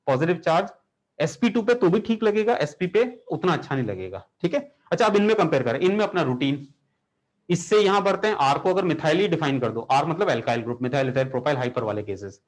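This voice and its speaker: A man with a high voice gives a chemistry lecture, acting out the molecules and scolding them like lazy students. His delivery is theatrical and animated, slipping between Hindi and English. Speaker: chemistry teacher.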